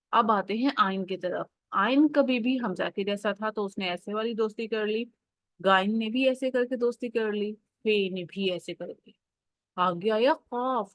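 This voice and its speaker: A woman with a Pakistani Urdu accent teaching young children their letters, sounding each one out slowly and coaxing them to read along. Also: on the high side, no room sound. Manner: slow, drawn-out sounding out of letters; coaxing, addresses children directly. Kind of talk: children's phonics lesson.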